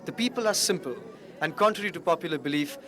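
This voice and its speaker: A man reading scripted travel narration in the manner of a nature documentary, measured and wry, with formal wording. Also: a little high, lively intonation, fairly bright tone. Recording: music under the voice. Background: background music.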